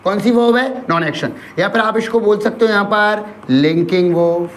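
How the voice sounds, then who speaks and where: A man teaching English grammar, firing rhetorical questions at his class, answering them himself and dictating example sentences slowly word by word. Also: sits high, slight background noise. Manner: asks questions and answers them himself, calls listeners brother.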